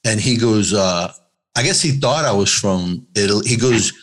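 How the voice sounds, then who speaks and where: A man from Chicago, a comedian guest, telling stories in a relaxed, animated way and acting out the people in them. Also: on the low side, normal speed. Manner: animated storyteller acting out voices. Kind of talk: casual interview storytelling.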